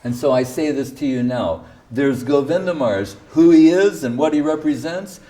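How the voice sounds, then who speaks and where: Far from the mic, a man with a fairly high pitch and dark tone talks at a normal speed. His informal spiritual talk recounts his guru's teachings through anecdotes, with quotes from others and wry asides.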